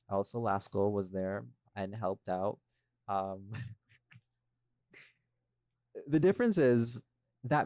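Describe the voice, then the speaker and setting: On a casual podcast, a man who hosts the show and creates audio dramas explains his creative choices emphatically, talking straight to his listeners. His voice is fairly low in pitch with a darkish tone, and the recording is dry.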